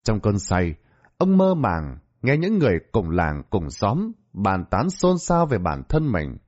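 A man's voice: lowish voice, measured pace. Dramatic male storyteller, lo-fi. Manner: dramatic, expressive. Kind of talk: scripted story narration. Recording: dull lo-fi audio.

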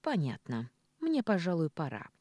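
Brief: woman reader as a grumbling, sulky young townswoman, low voice, dry sound. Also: wildly swooping pitch, moderate pace, warm tone, no room sound. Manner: muttering through teeth.

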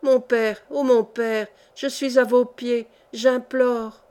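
A proud, imperious noblewoman, voiced by a woman reading a storybook, urgent and forceful, pressing her will with raised intensity. The voice is fairly high and firm. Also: steady tone, unhurried, close to an everyday voice. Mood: urgent imploring. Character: fierce noblewoman, commanding and imploring.

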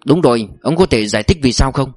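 A man's voice: mid-range voice, animated, fast talker, a little mellow, no room sound, faint music behind, natural voice. A man reading an audiobook voices a worried bank employee who speaks curtly and warily. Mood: wary. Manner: curt, wary. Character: male bank employee, tense and guarded.

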